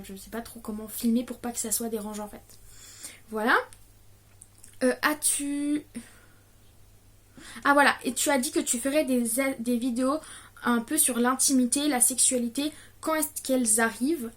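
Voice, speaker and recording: Hesitant young woman, stammering vlogger. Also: fairly high pitch. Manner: hesitant and stammering, many fillers. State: nervous, stressed. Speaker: YouTuber answering viewer questions. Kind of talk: casual FAQ vlog.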